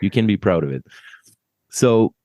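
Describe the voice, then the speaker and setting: Deep-voiced man hosting an interview. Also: lively intonation, moderate pace, darkish tone, no room sound. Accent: light French. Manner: encouraging, rephrases answers. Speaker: host. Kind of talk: casual interview.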